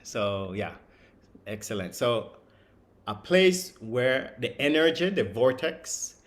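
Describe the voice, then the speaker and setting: Slow-speaking man leading a study group. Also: mid-range voice, very animated. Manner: slow, laughs often, keeps asking the group questions. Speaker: meditation and scripture teacher.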